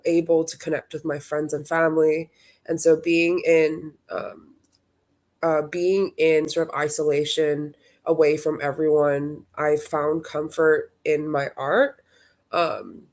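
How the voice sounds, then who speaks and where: A young woman from Hong Kong, a guest artist answering interview questions thoughtfully, with many ums and restarts. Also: sits low.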